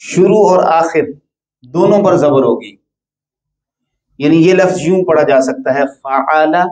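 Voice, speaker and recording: A man's voice: fairly high pitch, a little slow, dark tone, reverberant, poor audio. A man teaching Arabic grammar in a classroom, patiently repeating and drilling each word pattern for his students.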